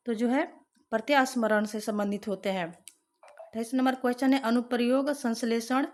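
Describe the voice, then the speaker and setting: A woman's voice: a little high, darkish tone. A young woman teaching an exam-prep lesson, reading out questions, repeating them and explaining the answers.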